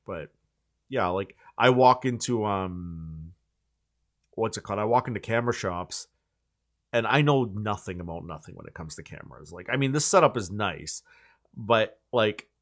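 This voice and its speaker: A man's voice: lowish voice, expressive, normal speed, fairly bright tone. Rambling man in his forties. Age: 40s. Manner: rambling, full of likes and restarts. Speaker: channel host. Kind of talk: casual chat.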